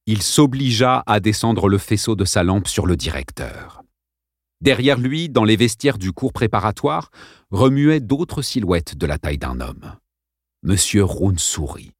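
A man's voice: on the low side, big pitch swings, unhurried, no echo, studio quality. A man narrating an audiobook in a dramatic, suspenseful reading style.

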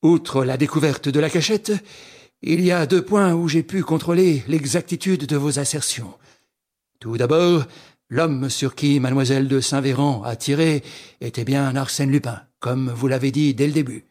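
A man's voice: medium pitch, normal speed, a little mellow, natural voice. Man doing a pompous old magistrate. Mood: self-satisfied. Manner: pompous, emphatic, self-assured. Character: pompous older male examining magistrate, self-satisfied.

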